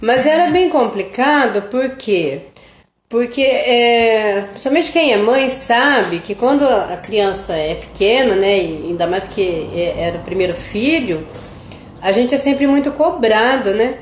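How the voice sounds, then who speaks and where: A middle-aged woman hosts a live stream on children's nutrition, chatting casually through a family story and ending many sentences with a questioning "né?" ("right?"). Her voice sits on the high side and is expressive, and she talks a little slowly. The room echoes noticeably.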